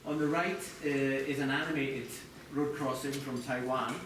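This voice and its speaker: Live before an audience in an echoey presentation room, a middle-aged man from Scotland presents as chief TV product designer. The mic is far off and background noise is clear. His medium-pitched voice keeps fairly even intonation at a normal speed, and he speaks conversationally, hesitating and restarting.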